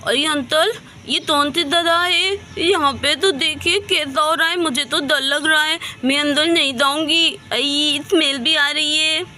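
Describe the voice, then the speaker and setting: A woman's voice: high-pitched, fairly even intonation, measured pace, few pauses, sharp tone. A woman voicing a naive young woman who talks and pleads like a small child in a storybook tale. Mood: childlike, eager.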